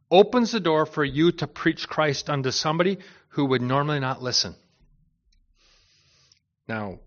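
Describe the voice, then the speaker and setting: A man's voice: a little high, a bit bright. A man preaching a sermon to a church, earnest, asking rhetorical questions and often adding "right?". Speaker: pastor. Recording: dull lo-fi recording.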